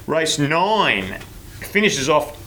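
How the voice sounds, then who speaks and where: A man's voice: a little high, sing-song, drawn-out words, sharp tone, low-quality recording. A man hosting a horse racing preview, talking through tips in a stop-start, hesitant way. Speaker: racing show host. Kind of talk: horse racing tipping talk. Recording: faint background noise.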